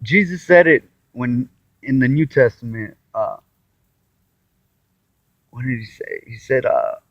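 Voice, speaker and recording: A weary man talks slowly through his thoughts on scripture, drifting and circling back with sighs and restarts. His voice sits in a middling register and comes across dull and muffled, dry with no room sound. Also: medium pitch, very animated, vocal fry, no echo. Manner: meandering, with sighs, restarts and acted-out quotes. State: tired. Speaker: self-taught Bible commentator. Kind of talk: casual rambling Bible talk to camera.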